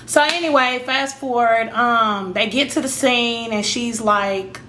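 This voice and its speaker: Bright-voiced chatty woman telling a story. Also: a little high, unhurried, a little hiss or hum. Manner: chatty, rambling, addresses viewers as y'all, acts out her own reactions. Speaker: storytime vlogger. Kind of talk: casual storytelling to camera.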